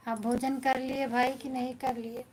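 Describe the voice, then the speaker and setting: A woman with an Awadhi accent, a folk singer chatting casually with viewers on a live stream from home at night, greeting them warmly and answering their comments. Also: high voice, flat delivery, normal speed, slight background noise, low-quality recording. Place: at home at night, others asleep.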